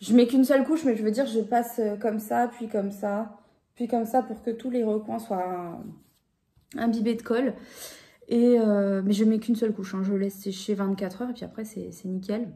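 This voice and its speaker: A woman's voice: on the high side, fairly even intonation, normal speed, warm tone. A woman in her thirties chatting casually at home in a craft vlog, full of fillers and restarts as she shows her puzzles. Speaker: vlogger.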